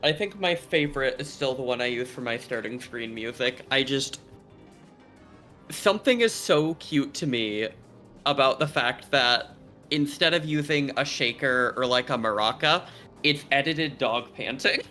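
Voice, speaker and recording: A man's voice: medium pitch, measured pace, bright, forceful tone, faint music behind. A man streamer chatting casually with friends, bubbly and laughing often. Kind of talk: casual chat on a group stream.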